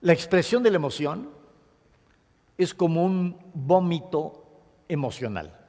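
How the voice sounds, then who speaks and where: In a classroom lecture on grief, a man with a higher-than-typical male voice teaches expressively. He acts out sobs and pauses to dictate key points for note-taking, and his voice carries a hall's long reverb.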